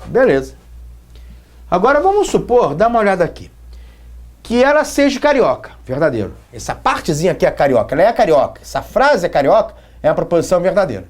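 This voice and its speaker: A man's voice: high voice, very animated, a little fast. A man from Brazil teaching a logic lesson at a whiteboard, checking in with students again and again as he explains. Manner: explains with repeated questions to the students.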